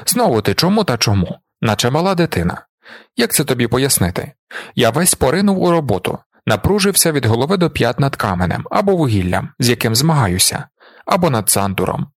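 A man reading the part of a gruff, hoarse older miner who is blunt and impatient. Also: mid-range voice, sing-song, a little fast, no echo, clean studio sound. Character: gruff hard-working older male miner.

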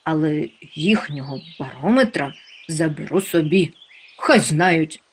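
A woman's voice: sits low, lively intonation, measured pace, breathy edge, exaggerated voice. A woman doing a whiny self-pitying creature. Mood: grumbling. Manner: moaning, complaining.

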